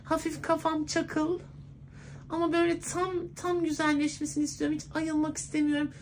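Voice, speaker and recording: Man doing a high-pitched coy woman's voice. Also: completely flat delivery, fairly quick, a little hiss or hum. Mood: flirty, sweet. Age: 20s. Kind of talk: prank phone call. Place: clothing shop, indoors.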